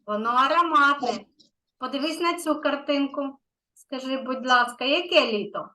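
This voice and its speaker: A woman's voice: sits high, normal speed, pushed and bright, low-quality recording. A woman kindergarten teacher giving an online lesson to a young child, patient and encouraging, stretching out key words.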